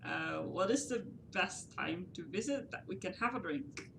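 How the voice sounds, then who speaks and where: A woman's voice: fairly low pitch, animated, normal speed, vocal fry, a bit bright, slight background noise. A woman playing a tabletop game, giggly and hesitant with frequent fillers. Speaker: player.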